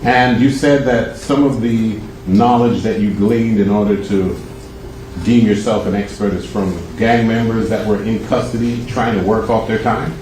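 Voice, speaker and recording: In a courtroom recording that sounds distant, echoey, and noisy, a defense attorney questions a witness in a low, steady voice at a measured pace. He keeps probing, rewording his questions as he goes.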